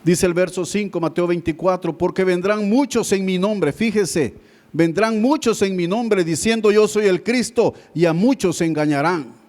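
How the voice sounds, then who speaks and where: High-voiced preaching man. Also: moderate pace. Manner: keeps addressing listeners as brother, swings between loud and hushed. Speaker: pastor. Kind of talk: sermon.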